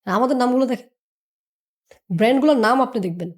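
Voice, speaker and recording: A woman's voice: a little high, fast, a little mellow. A woman giving motivational business advice on a podcast. She lectures emphatically, repeating points and firing rhetorical questions. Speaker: business mentor.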